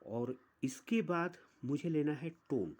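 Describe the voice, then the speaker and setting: A man teaches music theory as a patient, methodical instructor. He speaks slowly and deliberately in a slightly raised voice, counting through the notes one at a time. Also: a little high, animated, a little mellow. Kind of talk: explaining music theory step by step.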